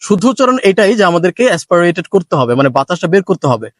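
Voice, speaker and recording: A man's voice: high-pitched, big pitch swings, very fast, no echo. Man teaching aspirated sounds, dry close mic. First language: Bengali. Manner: demonstrating sounds with strong puffs of air; repeating sounds for contrast. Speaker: English teacher. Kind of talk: short lesson video.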